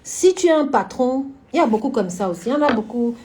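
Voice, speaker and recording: A woman's voice: high voice, lively intonation, quick pace, warm tone. A woman hosting a casual live stream, chatting frankly about business and answering viewers by name, often laughing. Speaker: florist and event decorator hosting a live stream.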